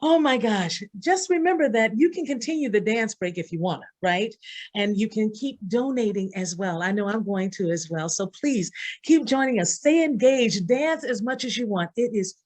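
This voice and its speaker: An enthusiastic woman hosts a live online event, gushing with thanks and slightly out of breath. Her voice sits a bit high. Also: expressive, normal speed, a little mellow. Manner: enthusiastic, effusive. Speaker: event host.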